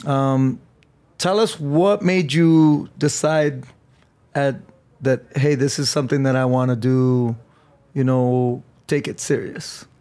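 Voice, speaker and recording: A man hosting a podcast interview, easygoing and chuckling, tossing in quick okays between questions. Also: medium pitch, mellow. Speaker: podcast host. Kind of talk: casual interview.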